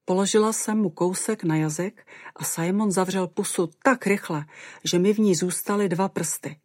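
A woman narrating a first-person audiobook in a lively, expressive way. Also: mid-range voice, no echo, studio quality.

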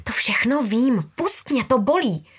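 A woman's voice: a little high, expressive, breathy edge, pitched above the performer's own voice. Brief: a defiant teen girl snapping in pain and irritation, voiced by a woman, storybook. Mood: irritated.

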